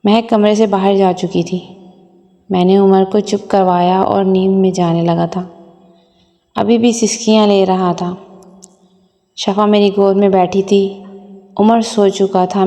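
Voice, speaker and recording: A woman storyteller giving a steady, plain first-person story reading. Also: medium pitch. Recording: long reverb.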